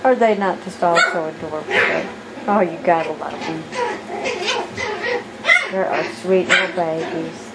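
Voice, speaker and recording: A woman cooing affectionate baby talk to her puppies at home, with giggles and high squeals. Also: a little slow, pauses often. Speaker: dog breeder filming her puppies. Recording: home video with background noise and dogs.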